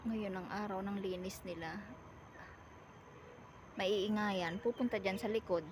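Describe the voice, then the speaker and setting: A woman with a Filipino accent chats casually to camera outdoors in a yard while filming a home video of her pets and wildlife. Her voice is medium-pitched and steady, at a measured pace. Outdoor ambience is clearly audible in the background.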